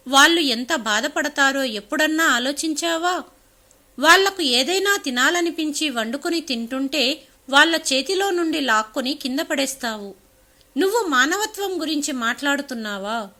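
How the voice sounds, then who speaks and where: A woman's voice: sits high, expressive, moderate pace, pushed and bright. A woman voicing a stern elderly mother who lectures her grown daughter in a story reading. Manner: stern, reproachful.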